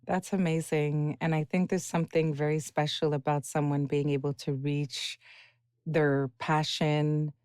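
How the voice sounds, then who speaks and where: A woman's voice: low-pitched, level tone, a little slow, a little mellow, smooth, dry recording, clean studio sound. A woman hosting a podcast interview, asking long, winding, encouraging questions. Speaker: podcast host.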